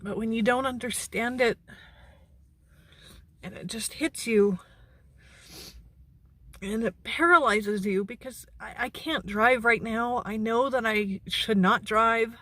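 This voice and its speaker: A woman with a fairly high voice talks very slowly in a personal, confessional vlog. She sounds anxious and shaken, leaving long pauses as she speaks earnestly. The sound is dry, with little echo. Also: sharp tone. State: anxious, shaken during a panic attack. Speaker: mental health vlogger. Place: outdoors beside a parked car.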